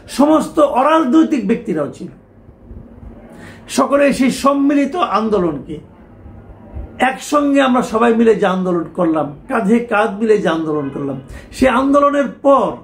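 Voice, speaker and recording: A man's voice: extremely high pitch, vocal fry. A middle-aged man, giving a talk show political commentary with emphatic rhetorical questions.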